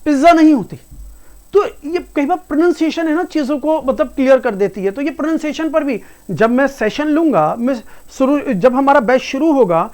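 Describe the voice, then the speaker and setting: Male teacher, high-pitched, class lecture, patient, repeats points. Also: expressive, normal speed, a little mellow. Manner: patient, repetitive explaining, calls students "beta". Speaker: English teacher.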